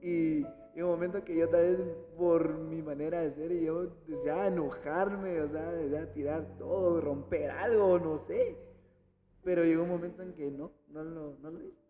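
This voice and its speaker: A man, a church pianist, tells a personal faith story in an earnest, reflective, halting way during a casual conversation. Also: a little high. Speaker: church pianist sharing a testimony. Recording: reverberant, dull recording with music behind.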